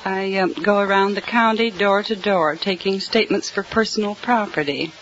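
A woman's voice: mid-range voice, normal speed, a bit bright. A middle-aged American woman from Iowa with a Midwestern accent, answering in a polite, matter-of-fact and slightly hesitant way as a radio quiz contestant. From Iowa, United States. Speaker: quiz show contestant, tax assessor. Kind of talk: plain-spoken radio interview answers. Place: radio studio with audience. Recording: dull old radio recording, faint crowd noise.

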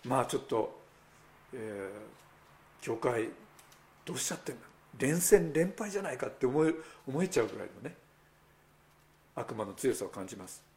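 A man's voice: medium pitch, very animated, moderate pace, long pauses, darkish tone. A male pastor giving a sermon in a conversational way. He speaks straight to the congregation with rhetorical asides.

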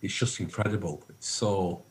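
Husky, low-voiced male radio host. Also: moderate pace. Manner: enthusiastic, chatty. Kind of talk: casual radio chat.

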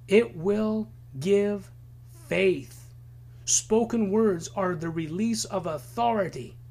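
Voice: medium pitch, slightly rough. A preacher giving an emphatic Bible-teaching sermon who laughs often.

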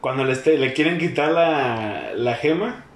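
A man's voice: medium pitch, animated, a little slow. Joking young Mexican man, echoey room. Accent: Mexican Spanish. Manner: joking, teasing, heavy slang. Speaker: podcast co-host. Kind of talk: casual podcast chat. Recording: roomy room with faint background noise.

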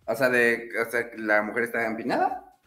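A man with a Mexican accent, a guest telling candid stories in a relaxed, casual way. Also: medium pitch, normal speed, soft background music. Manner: relaxed, candid, many fillers. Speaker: podcast guest. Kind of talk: casual storytelling.

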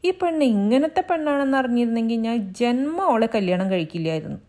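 A woman's voice: on the high side, animated, a little fast, mellow, voice pushed up, close to an everyday voice. A woman voicing a blustering but tender-hearted village husband in a storybook reading.

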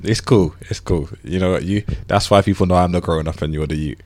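A man's voice: deep voice, a little fast, a little mellow, dry recording. A man in his thirties with a London roadman accent, chatting playfully in slang as a podcast co-host. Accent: London, urban roadman slang style. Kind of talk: casual banter chat.

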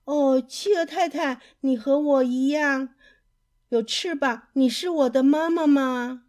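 A woman's voice: high-pitched, slow pace, darkish tone, pitched above the performer's own voice. A woman voicing a lonely little female bird in a children's storybook, calling out in a pleading, childlike way.

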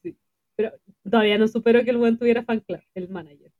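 A woman's voice: a little high, steady tone, fast, no room sound, narrow, tinny audio. A young Chilean woman in casual podcast chat, chiming in with short agreeing, slangy replies. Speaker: podcast co-host.

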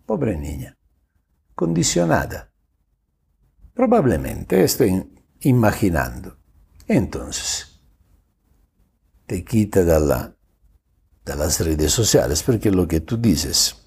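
A man's voice: deep voice, very animated, slow, vocal fry, long pauses, a little mellow, slightly rough. A man hosting an advice show, answering a listener's message in a casual, blunt way, with slang and swearing. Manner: reads out the listener's words and then comments.

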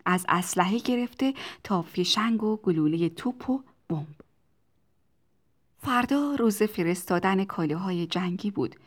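A woman narrating a children's audiobook in a calm, even storytelling voice. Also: medium pitch.

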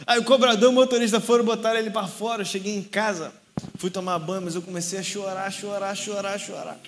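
A man's voice: high voice, fairly even intonation, fast, a bit bright, a little hiss or hum. A young male youth pastor with a Rio de Janeiro accent, telling a personal story in a sermon and acting out the dialogue. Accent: Rio de Janeiro Portuguese.

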